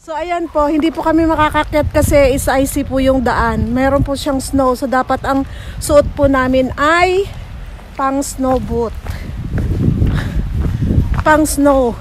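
A woman's voice: high-pitched, steady tone, unhurried, long pauses, a little hiss or hum, poor audio. A Filipino-accented woman vlogging on a snowy winter trail, chatting politely as she switches between English and Tagalog. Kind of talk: casual travel vlog.

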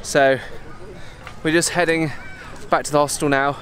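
A young man in his twenties, chatting in a relaxed, upbeat way as he vlogs outdoors with a camera held at arm's length. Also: fairly high pitch, a little slow, some chatter behind, a little hiss or hum. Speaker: travel vlogger. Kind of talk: casual travel vlog. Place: outdoors in a park and jungle trail.

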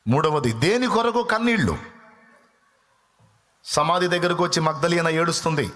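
A man's voice: fairly high pitch, animated, a bit bright, a little hiss or hum. Man preaching with rhetorical questions. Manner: reads scripture slowly and deliberately. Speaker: pastor. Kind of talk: sermon.

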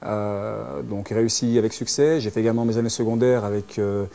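Speaking Belgian-accented French, a man in his early thirties from Belgium, a dance teacher and social worker, relates his own experiences in an interview inside a small furnished lounge, often restarting with fillers. His lowish voice is creaky and dark, with fairly even intonation and a slightly fast pace.

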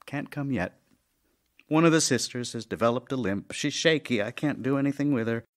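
In this love-letter audio drama, a man performs the part of a middle-aged playwright who is witty, weary and affectionate, with a dry, teasing, melancholy, theatrical style. He speaks at a moderate pace in a mid-range voice, lightly acted, and sounds fretful.

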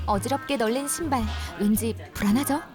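Female narrator, scripted documentary voice-over, high pitch, animated melody, loud music underneath. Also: fairly quick.

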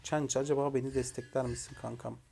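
A young man commentating his own mobile game match, excitedly shouting commands at teammates and venting frustration. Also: mid-range voice, quick pace, creaky. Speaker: gaming YouTuber. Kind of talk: live gameplay commentary.

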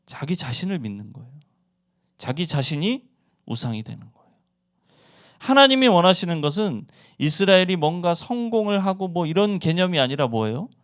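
A man's voice: sits high, big pitch swings, moderate pace. A male pastor preaching a sermon who keeps asking the congregation questions and answering them himself.

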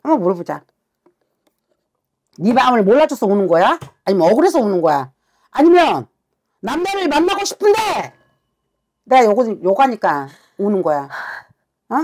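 A woman's voice: a little high, sing-song, normal speed, pauses often, a little mellow. A woman shaman harshly scolding a client during a consultation. She swears as she berates, and keeps demanding answers. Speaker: shaman fortune teller.

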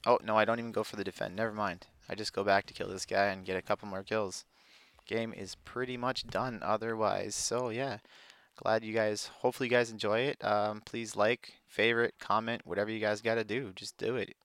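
A man's voice: on the low side, level tone, brisk, fairly bright tone, no room sound. A young man giving casual, rambling commentary over his own gameplay footage, full of fillers. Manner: laid-back, rambling, frequent fillers.

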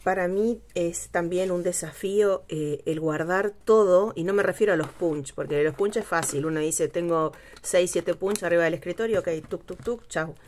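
Thinking aloud in a casual craft tutorial, a middle-aged craft channel host works at her table, off screen beneath an overhead camera, with slight background noise. She speaks low and unhurried, meandering with lots of pauses and fillers, frequently searching for words.

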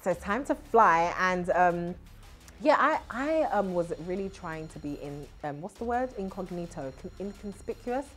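Chatty british girl vlogging, lowish voice, laughs a lot, soft music under. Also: expressive, normal speed. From Britain. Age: young adult. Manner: chatty, laughs often, self-mocking. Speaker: TV host and vlogger. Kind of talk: casual vlog narration.

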